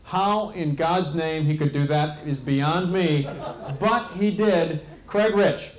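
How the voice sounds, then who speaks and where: A man's voice: on the high side, takes it slowly, a little hiss or hum. A middle-aged American man with a genial, joking manner, informally introducing people as host of a live event on a handheld microphone. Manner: jokey, genial. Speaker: mayor acting as event host. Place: event tent with seated audience. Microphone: handheld stage microphone. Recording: echoey event tent, audience murmur.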